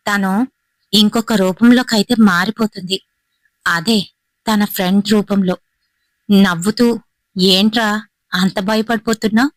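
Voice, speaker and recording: A woman narrates a horror tale at a dramatic, unhurried pace. Her voice sits in a middle pitch. The recording is close and dry with no room sound. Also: dry recording, low-quality recording. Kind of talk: storytelling narration.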